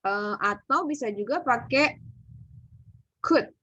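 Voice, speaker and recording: A woman's voice: fairly high pitch, lively intonation, slow, a bit bright, breathy edge, no echo. Hesitant woman tutoring over a call. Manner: hesitant, thinking aloud with many fillers. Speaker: English tutor. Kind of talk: online English lesson. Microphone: video call. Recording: muffled video call audio.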